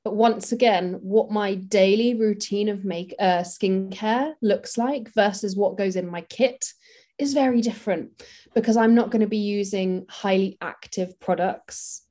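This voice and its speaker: A woman's voice: medium pitch, a little slow, mellow. A woman, a makeup artist, talking casually and practically in an interview, with many fillers.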